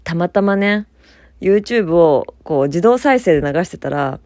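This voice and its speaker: A young woman from Fukuoka talks on her own in a relaxed, chatty way, laughing often and poking fun at herself. Her voice sits low for a woman but swings widely in pitch, with a dark, mellow tone. The sound is dry and close, with no room echo. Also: unhurried. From Fukuoka, Japan. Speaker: podcast host. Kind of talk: casual solo talk.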